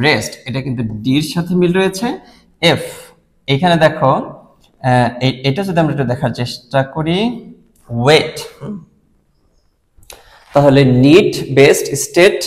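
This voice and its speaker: Male lecturer, Bangladeshi Bengali accent, slightly high voice, patient step-by-step explainer, reverberant room. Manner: explains step by step, asking and answering his own questions. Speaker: teacher. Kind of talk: recorded lecture.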